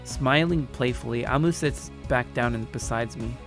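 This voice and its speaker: Narrating a story game for a video, a man reads in a loose, offhand way, stumbling and fixing his mistakes as he goes and dropping in side comments. He speaks at a normal pace in a medium-pitched, fairly bright voice over soft background music.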